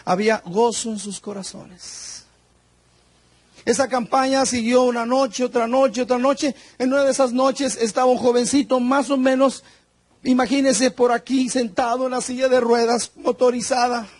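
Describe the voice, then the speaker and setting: A man's voice: very high-pitched, steady tone, normal speed, dry recording. A man preaching a fervent sermon, telling his testimony and reading scripture with emphasis. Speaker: guest preacher. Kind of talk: Pentecostal sermon.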